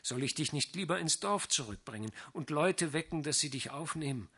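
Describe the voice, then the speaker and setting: A man voicing a young village man who speaks softly and tenderly, in an audiobook reading. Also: a little high, expressive, moderate pace, breathy edge, voice pushed up, exaggerated voice. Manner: soft, tender, subdued. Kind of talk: audiobook character voice.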